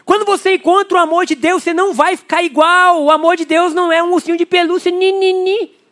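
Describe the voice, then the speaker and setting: High-voiced Brazilian pastor preaching. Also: male voice, fairly even intonation, fast, a bit bright. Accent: Brazilian Portuguese. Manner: conversational, asking the congregation questions. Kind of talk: sermon.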